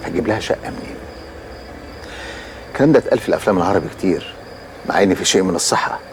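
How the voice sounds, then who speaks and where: An actor playing a middle-aged father with an Egyptian accent, lecturing his daughter's suitor in a measured way. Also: sits low. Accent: Egyptian Arabic.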